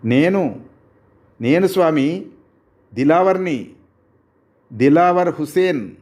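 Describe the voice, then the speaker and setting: A man's voice: fairly high pitch, lively intonation, slow, a little mellow. A man voicing a distraught, hungry male friend who arrives at night, pleading in a plain voice. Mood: urgent.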